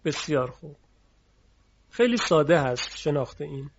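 A man teaching a lesson on reading rules, patiently repeating each example word slowly. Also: a little high, lively intonation, lo-fi sound, slight background noise.

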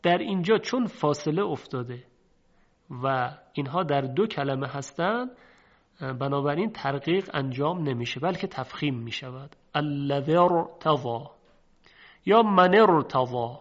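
A male teacher explains step by step in a calm, patient lesson. His voice sits a little high, and he draws out each example word slowly and carefully. The sound is dull and lo-fi. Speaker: recitation teacher. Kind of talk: spoken lesson with slow recited examples. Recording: dull lo-fi recording.

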